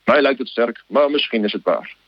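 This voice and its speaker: A man voicing a big, scary monster in a children's story, slow and gruff. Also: mid-range voice, dry recording, lo-fi sound, lightly acted.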